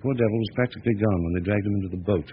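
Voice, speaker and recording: An earnest police inspector. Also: male voice, fairly low pitch, very fast, breathy edge. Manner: earnest, clipped, old-fashioned speech. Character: worried male Scotland Yard chief inspector, blunt and earnest. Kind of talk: 1940s radio acting. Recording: lo-fi old radio recording with hiss.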